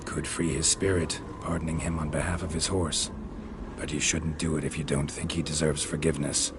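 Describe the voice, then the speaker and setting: An actor playing a stoic, world-weary monster hunter in a video game, deadpan and terse, in clipped sentences. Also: male voice, rumbling low, fairly quick. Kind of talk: low-key video game voice acting. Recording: noisy ambience behind the voice.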